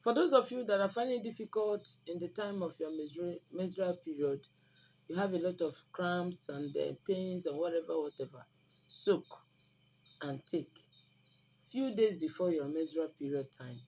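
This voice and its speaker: Her lowish, slightly mellow voice moves at a moderate pace as she hosts an online video with herbal remedy advice. She speaks with a Nigerian Igbo accent as a native Igbo speaker, talking casually and instructively to the camera, emphatic and preachy, repeating phrases for stress. The rough recording has noticeable background noise.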